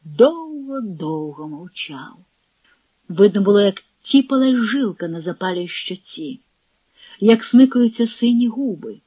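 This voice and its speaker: A woman reads a historical novel aloud in a measured, dramatic manner, giving the lines weight. Her voice is husky and sits at a middling pitch. The recording is dry and a little muffled. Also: lively intonation, dry recording. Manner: measured, dramatic reading with quoted dialogue voiced. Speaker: narrator. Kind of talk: audiobook narration of a historical novel.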